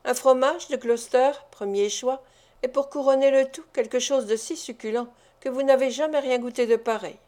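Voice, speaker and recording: A woman's voice: high-pitched, moderate pace, natural voice. Bates, a woman reading a cheeky young thief. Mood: boastful. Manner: boastful, lively praise. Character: cheeky young male pickpocket, boastful.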